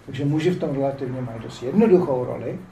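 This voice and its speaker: A man's voice: medium pitch, lively intonation, vocal fry, warm tone, slight background noise. An older man from the Czech Republic lecturing on scripture as a spiritual teacher, with ironic, rhetorical asides. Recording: roomy echo, distant mic.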